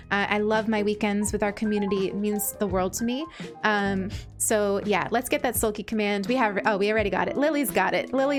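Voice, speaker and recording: A woman with a sweet, princess-like, slightly high voice chats casually on a game livestream, gushing affectionately as she thanks her viewers.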